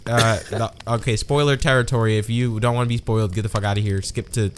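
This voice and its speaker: A man co-hosting a casual podcast, joking loudly and acting out characters in exaggerated high voices. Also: steady tone, fast talker, a little hiss or hum. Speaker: podcast co-host.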